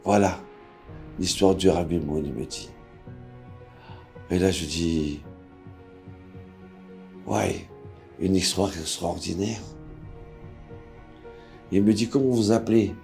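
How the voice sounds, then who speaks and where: Slow, low-voiced man telling a story. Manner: dramatic, voices characters with big swings in loudness. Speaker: rabbi storyteller. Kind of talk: emotional spoken storytelling.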